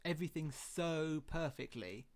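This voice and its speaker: A podcast co-host speaking in casual chat. The voice sits at a middling pitch, and the delivery is explanatory and opinionated. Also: expressive, a little slow. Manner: explanatory, opinionated, laughs easily. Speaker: podcast co-host and film reviewer.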